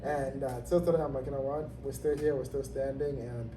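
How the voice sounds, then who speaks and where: A man in his thirties, originally from Zambia, telling his story in a relaxed interview with many fillers and easy laughs. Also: mid-range voice, a little fast. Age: 30s. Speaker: interviewee, gym owner. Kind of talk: casual interview. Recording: roomy, distant, noisy ambience.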